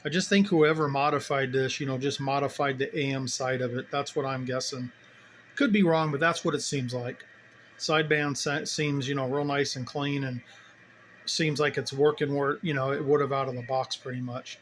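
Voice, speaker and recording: A man casually showing his radio setup, talking in a relaxed, rambling way as he thinks aloud. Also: mid-range voice, moderate pace, a little hiss or hum. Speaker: CB radio hobbyist vlogger. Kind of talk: casual hands-on demo.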